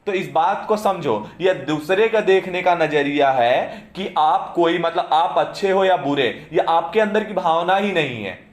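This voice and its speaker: A man's voice: fairly high pitch, expressive, measured pace, few pauses, echoey room. A man teaching a class in speech, explaining points and often checking whether the students understand. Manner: keeps asking students "समझे?" to check understanding. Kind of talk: classroom lecture.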